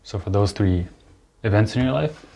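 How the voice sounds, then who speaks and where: A calm young man, originally from Nepal, reflecting thoughtfully as a guest in a podcast interview. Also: lowish voice, normal speed, creaky. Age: young adult. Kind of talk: casual interview.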